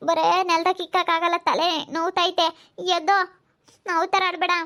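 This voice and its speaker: A woman's voice: extremely high pitch, little pitch movement, brisk, a bit bright. A woman voicing a young village woman who nags and scolds in a Hiriyur Kannada accent. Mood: complaining. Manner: nagging, scolding, complaining.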